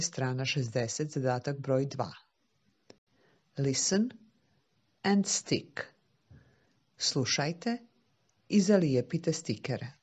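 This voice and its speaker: Low, slow, husky woman teaching toddlers. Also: darkish tone. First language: Serbo-Croatian. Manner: patient step-by-step questions and repetition. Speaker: English teacher for young children. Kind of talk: slow, simple lesson for small children, like reading to a toddler.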